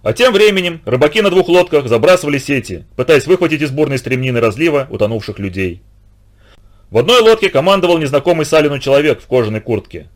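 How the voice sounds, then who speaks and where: A man reading a story aloud in a steady, expressive audiobook narration. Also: a little high, fast.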